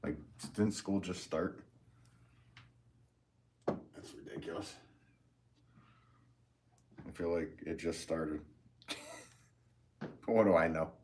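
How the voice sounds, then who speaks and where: American guy, low voice, rambly casual livestream chat while he works, bit of noise and clicking behind him. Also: measured pace, long pauses. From United States. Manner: rambling, chatty, talking to himself while working. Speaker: potter hosting a livestream.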